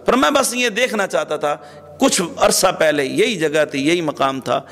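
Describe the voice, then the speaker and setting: A man's voice: on the high side, a bit bright. A man voicing an elderly father in a sermon story, pleading tearfully with his grown son. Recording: long hall reverb.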